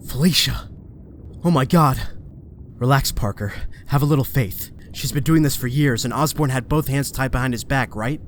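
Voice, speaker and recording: Man as earnest young superhero, medium-pitched. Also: normal speed, slight background noise, close to an everyday voice. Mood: anxious inner monologue. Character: Spider-Man, young earnest wisecracking male superhero, anxious, determined. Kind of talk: comic dub voice acting.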